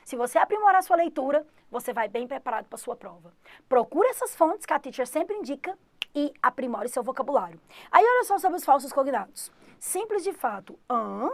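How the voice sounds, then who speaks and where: A woman with a Goiás Brazilian Portuguese accent teaches an online English lesson in a fairly high voice. She talks straight to her students and keeps repeating the key words. The sound is dry and close. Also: sing-song, brisk, dry recording.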